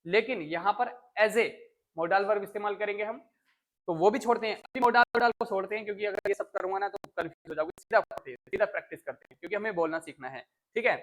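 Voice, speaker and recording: A woman's voice: mid-range voice, fast. A woman teacher at the front of a classroom of children, walking them through grammar. She keeps firing questions at the pupils and repeating example sentences. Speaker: English teacher. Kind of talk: classroom lesson explaining English grammar.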